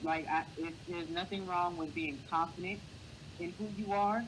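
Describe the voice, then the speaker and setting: A man with a light, high, boyish voice speaks earnestly at a moderate pace with fairly even intonation. He's a guest in a casual interview, offering encouraging advice, and clear background noise can be heard in the recording.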